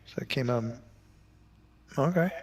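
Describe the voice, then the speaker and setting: A man's voice: mid-range voice, measured pace. A man co-hosting a live trading stream, chatting casually with wry, joking banter. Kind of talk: casual chat while trading.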